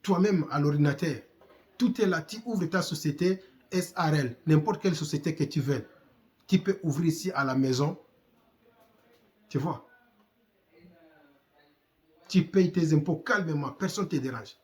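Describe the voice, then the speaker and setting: A fairly high-pitched, slightly mellow male voice, at normal speed with frequent pauses, carries a Congolese French accent. The man, from the Democratic Republic of the Congo, offers passionate, exhorting commentary laced with rhetorical questions and repetition.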